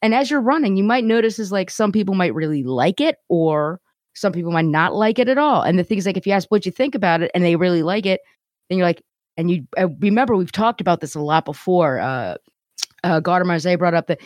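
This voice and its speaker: A woman's voice: fairly low pitch, lively intonation, quick pace, a little mellow, dry recording, studio quality. A woman co-hosting a podcast in casual chat, rambling with lots of "the thing is, like.". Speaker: podcast co-host.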